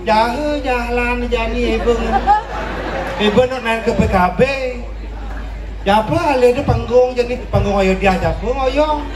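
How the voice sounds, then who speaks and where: A man's voice: very high voice, measured pace, background noise. A man with a Balinese accent performing a joking, teasing comic monologue on stage, repeating phrases for effect as audience laughter sounds behind him. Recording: echoey stage, distant mic, loud laughing crowd. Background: crowd laughter.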